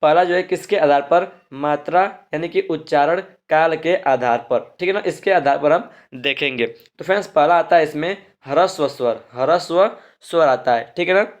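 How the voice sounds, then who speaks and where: A man gives a grammar lecture in a voice pitched a little above the usual for men. He explains patiently and goes over each point twice. He keeps checking in with his viewers and stretches out the sounds he is demonstrating. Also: lo-fi sound. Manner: repeats points, constant check-ins with "ठीक है ना" and "दोस्तों"; stretches vowels slowly when demonstrating them. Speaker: teacher.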